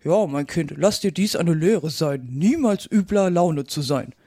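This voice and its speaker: A woman's voice: on the low side, expressive, measured pace, dark tone, husky, dry recording, clean studio sound. A woman voicing an old mother toad giving her daughter a moral lesson. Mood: preachy. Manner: preachy, moralizing.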